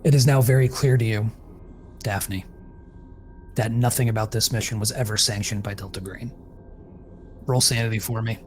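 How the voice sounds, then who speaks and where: A man running a tabletop horror game as game master, narrating the scene in a measured, deliberate way. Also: on the low side, fairly even intonation, slight background noise.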